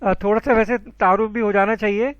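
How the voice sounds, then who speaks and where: High-voiced man teaching an online class. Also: steady tone, no echo, muffled recording. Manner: patient, encouraging, calls students by name. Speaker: Arabic teacher.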